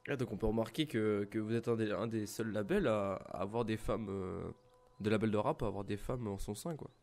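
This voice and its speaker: A man playing a polite music journalist in a role-play interview, asking formal, halting questions. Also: lowish voice, a little mellow, close to an everyday voice.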